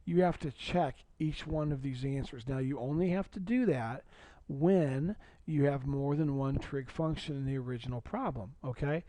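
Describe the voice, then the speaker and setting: A man's voice: mid-range voice, moderate pace, dark tone, no room sound. A man teaching a precalculus video lesson, patiently walking through steps and repeating key points. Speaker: math teacher.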